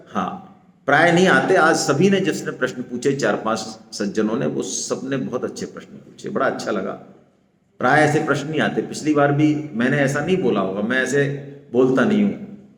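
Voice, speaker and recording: A man's voice: medium pitch, lively intonation, a bit bright. Man teaching scripture in an echoey hall. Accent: Hindi, Rajasthani. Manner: explanatory, stresses syllables slowly, asks "है ना?" often. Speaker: Gita seminar teacher. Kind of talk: religious discourse to a seminar audience. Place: seminar hall. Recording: echoey hall with long reverb.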